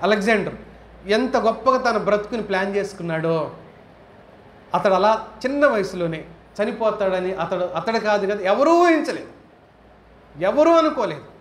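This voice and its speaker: A man's voice: high-pitched, normal speed, pauses often, fairly bright tone. A man preaching a sermon, firing rhetorical questions and rising into emphatic outbursts. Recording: echoey hall with faint ambient noise.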